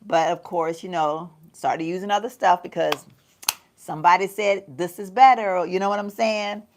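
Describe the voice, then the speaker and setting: A woman's voice: fairly low pitch, moderate pace. A middle-aged woman chatting casually on a get-ready-with-me livestream, calling her viewers y'all and laughing often as she talks through her makeup. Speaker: beauty vlogger. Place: home.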